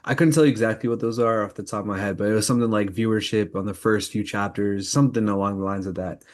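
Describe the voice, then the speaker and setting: Quick and fairly even in intonation, this lowish-voiced man co-hosts a podcast, informally steering each segment of a laid-back roundup of anime news.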